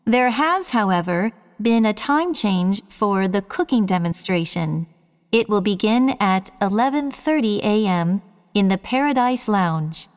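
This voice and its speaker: A woman making a formal, measured announcement to passengers over a ship's intercom. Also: medium pitch, expressive, in a large hall. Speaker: cruise ship announcer. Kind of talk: scripted public announcement.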